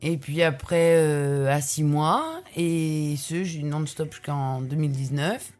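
A woman's voice: low-pitched, lively intonation, slow, a little mellow, faint music behind. A woman with a southern French accent, a guest chatting and giggling on a podcast. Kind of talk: casual chat.

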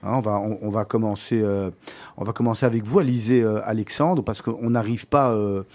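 A man's voice: lowish voice, steady tone, fairly quick, darkish tone, no echo. A man hosting a radio talk show, stumbling and repeating words as he introduces guests. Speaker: radio host.

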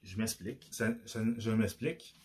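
A man with a Québécois accent talks straight to his listeners in a loose podcast monologue. His voice is low and a little husky. He often stumbles and restarts his sentences. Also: moderate pace. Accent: Québécois French. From Quebec. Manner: hesitant, many restarts and filler words. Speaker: podcast host.

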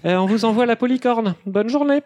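A man's voice: very high voice, brisk, a little mellow, no echo, pitched above the performer's own voice. A man voicing a fussy, impatient unicorn hotline operator in a comedy sketch, with a prim, exasperated phone manner.

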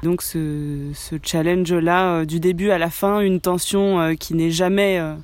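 A woman's voice: on the low side, steady tone, a little slow, darkish tone, no echo. A young adult woman, a contemporary dancer, answering radio interview questions with many hesitations and restarts.

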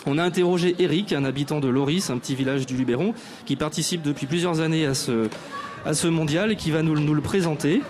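Speaking fairly high and at a quick clip, this man runs a live radio show outdoors at an arts venue with an audience watching. His guest introductions are formal and playfully lofty, broken up by frequent hesitations.

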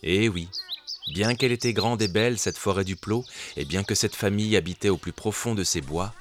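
A man narrating a children's storybook in a gentle, expressive way. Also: on the low side, brisk, noisy background.

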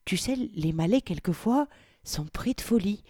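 A woman's voice: medium pitch, lively intonation, measured pace, dry recording, clean studio sound. A woman reading aloud and voicing a shy, reserved young married woman who speaks hesitantly. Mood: hushed. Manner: hesitant, soft-spoken.

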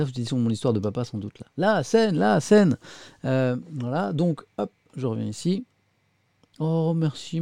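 Man, live-stream host, casual chat, relaxed dark voice, middle pitch, thinks aloud. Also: dry recording. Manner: chatty, thinking aloud, self-mocking.

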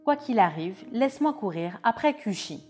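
A woman's voice: medium pitch, expressive, normal speed, a little mellow, husky, soft background music, voice pushed up. A woman voicing an eager young male messenger who pleads to run with the news.

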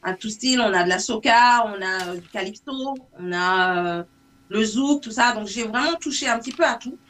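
A woman from Saint-Martin in the Caribbean, a native English speaker, talks casually in a fairly high, slightly bright voice at normal speed. Being interviewed as a singer, she feels her way through broken phrases, and the recording is noisy with clicks.

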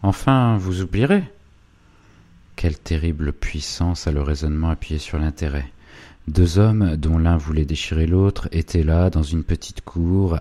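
A male audiobook narrator with a deep, mellow voice. He reads a classic novel at a measured, steady pace, like a storyteller.

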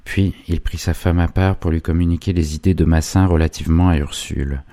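Deep mellow guy reading an old novel aloud, steady and calm, dry close sound. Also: dry recording. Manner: measured, even literary reading. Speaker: audiobook narrator. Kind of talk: scripted narration of a classic novel.

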